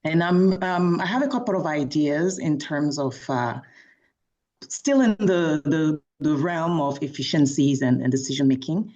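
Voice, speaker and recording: A woman from Cameroon, introducing herself on a video call in a measured, orderly way. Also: sits low, a little mellow. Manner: measured, orderly, lists her skills. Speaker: management consultant, call participant. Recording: dull lo-fi call audio.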